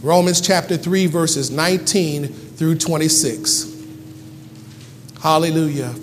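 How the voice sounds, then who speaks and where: A man's voice: fairly high pitch, takes it slowly. A man preaching a sermon as pastor, with rhythmic, repeated refrains. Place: church hall. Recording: church hall reverb, faint room noise.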